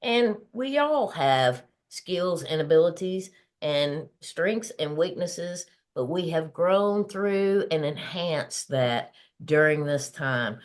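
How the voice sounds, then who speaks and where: A podcast host in her fifties leads a motivational talk show, sounding earnest and encouraging and laughing often. Her low-pitched voice has a lively intonation, and she speaks slowly with few pauses.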